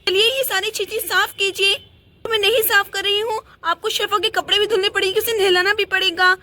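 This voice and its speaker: A woman's voice: very high-pitched, fairly even intonation, brisk, pushed and bright. A woman voicing a cross, scolding mother in a doll play, bossing her husband around. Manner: scolding, bossy.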